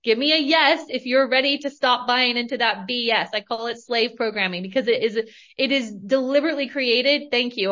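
A woman in her thirties from Northern California hosts a podcast, telling her story in an emphatic, motivational style, repeating phrases and swearing mildly. Her voice is fairly high and a bit bright, and the audio is lo-fi.

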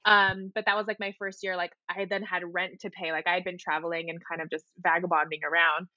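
A woman's voice: fairly low pitch, little pitch movement, fast talker, sharp tone, no room sound. A woman in her thirties from Hawaii, a guest on a podcast, chatting casually from her home apartment over a call, full of "like" and the odd curse word. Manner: chatty, peppered with "like", casual swearing. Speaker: podcast guest, wedding photographer. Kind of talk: casual interview chat. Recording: dry, slightly dull lo-fi sound.

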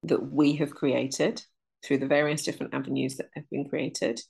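Her voice rumbles low and stays level, with vocal fry and a slightly rough, somewhat mellow quality. She's a woman in her 30s, an energy alignment teacher giving a reflective interview as a guest, earnest and unhurried, listing things in runs.

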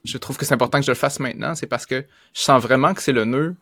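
A man's voice: medium pitch, a bit bright, no room sound. Earnest Québécois man, dry sound. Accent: Québécois French. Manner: earnest, halting, self-correcting. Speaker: podcast participant. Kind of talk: personal confiding chat.

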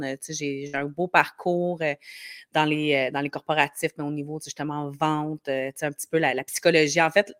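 A woman with a Quebec French accent explains things informally in an interview, her voice hoarse and gravelly from a slight head cold. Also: low voice, a bit bright, no echo, studio quality. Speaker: podcast guest, marketing strategist.

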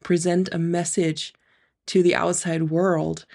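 A woman with a fairly low, slightly nasal voice that sounds a little congested and often drops into creak. She talks as a solo podcast host and coach, earnest and emphatic in her motivational points, while keeping a very even melody. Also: slow pace. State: congested from an ear infection.

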